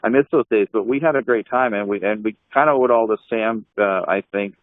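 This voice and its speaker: A man's voice: lowish voice, brisk, no room sound. A man casually reminiscing on a group call, rambling with many fillers and restarts and laughing often. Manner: laughs often while telling stories. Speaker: anti-scam blogger on a group call. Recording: dry tinny call audio.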